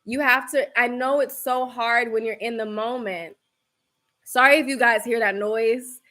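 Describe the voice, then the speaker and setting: A woman's voice: on the high side, fairly even intonation, unhurried, bright, forceful tone. A woman speaking casually and emphatically to viewers like a self-help coach, encouraging them and repeating phrases for emphasis. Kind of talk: casual motivational talk to viewers. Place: room at home.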